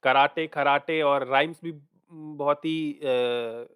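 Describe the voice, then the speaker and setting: A man hosting a casual music reaction, thinking out loud, switching between Hindi and English and repeating lines back to himself. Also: on the high side, fairly even intonation, takes it slowly, smooth.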